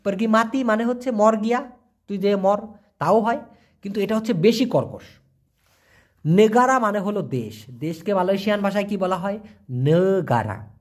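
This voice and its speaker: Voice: mid-range voice, lively intonation, normal speed, long pauses. A language teacher, giving a casual lesson and asking and answering their own questions. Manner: asks rhetorical questions and repeats words to drill them.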